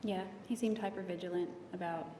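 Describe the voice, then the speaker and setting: Woman witness on the stand: low, mellow, monotone, heard from a distance in a reverberant courtroom. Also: fairly quick, slight background noise. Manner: soft, flat and hesitant. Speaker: testifying witness. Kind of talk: courtroom testimony. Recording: distant, echoey courtroom audio with long reverb.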